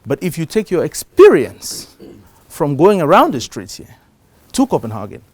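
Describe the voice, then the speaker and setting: A middle-aged man from Cameroon giving a live talk to a conference audience. He gets louder to stress his points, then drops down again. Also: a little high, normal speed, husky, dry recording. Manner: animated, shifts loudness for emphasis. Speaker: conference speaker. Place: conference stage before an audience.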